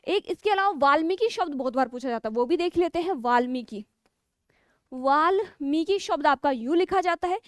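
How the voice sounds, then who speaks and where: A woman teaching a Hindi spelling lesson for exam students, explaining step by step, slowing down to spell out key words, and checking in with her listeners. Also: extremely high pitch, expressive, no room sound, clean studio sound. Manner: explains step by step, keeps checking with 'ठीक है'.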